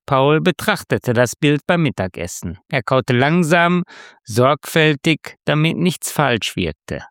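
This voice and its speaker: A man reads a story aloud slowly and deliberately, with lively rises and falls in pitch. His voice sits somewhat high for a man and the sound is close and dry. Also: no echo. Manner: measured, expressive reading. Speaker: narrator. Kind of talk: scripted narration.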